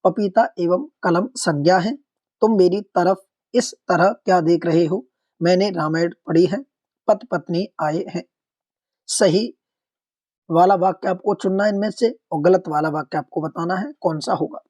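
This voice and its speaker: A man giving an online exam-prep lecture, asking the class questions, answering them himself and slowly repeating the correct answer. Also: high-pitched, a little mellow. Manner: explains step by step, asks questions and answers them; slows down to repeat the correct form. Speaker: Hindi exam-prep teacher.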